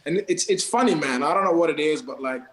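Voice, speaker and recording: A man's voice: on the high side, expressive, quick pace, a bit bright, roomy sound, poor audio. A man from Kenya, a guest on a podcast, talking loosely in slang and calling everyone bro and man. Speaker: podcast guest, TikTok creator. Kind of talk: casual podcast chat.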